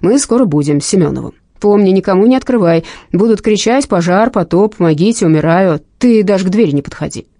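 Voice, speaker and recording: A woman's voice: medium pitch, animated, fast talker, few pauses, mellow, no echo, studio quality. A woman reading the lines of a male police chief, giving urgent, commanding orders in an audiobook. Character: gruff male police chief, bossy but protective.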